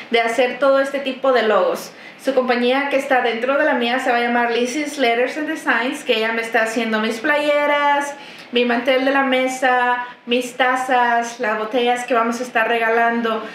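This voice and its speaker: Her voice high and bright, a business owner from the Texas–Mexico border gives chatty, warm interview answers and laughs a lot. She's seated at a desk in a roomy office, where faint noise can be heard.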